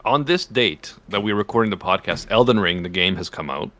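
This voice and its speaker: A man's voice: on the low side, lively intonation, fairly quick, a bit bright, dry recording. A man hosting a casual podcast, talking in slangy, bro-heavy banter. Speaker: podcast host.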